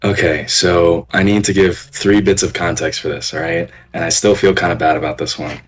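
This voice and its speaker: Man with a deep, low-pitched singer's voice. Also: fairly even intonation, normal speed, a crowd in the background. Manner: low-key, hedging storyteller with frequent check-ins. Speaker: call-in guest on a live show. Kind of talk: casual anecdote. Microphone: voice call on Discord.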